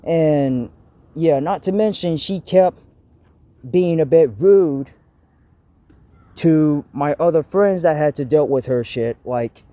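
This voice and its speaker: Young guy ranting into his camera, slow and stumbly, keeps restarting, mellow kinda high voice. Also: no room sound. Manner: halting, stuttering, restarts sentences. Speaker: channel host. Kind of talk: casual vlog rant to camera. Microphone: camera mic.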